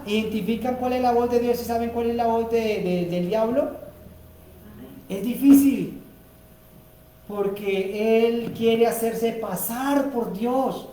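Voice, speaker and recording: A woman's voice: high voice, warm tone. A woman preaching a sermon in a church, addressing the congregation directly with questions. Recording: very echoey church hall with faint noise.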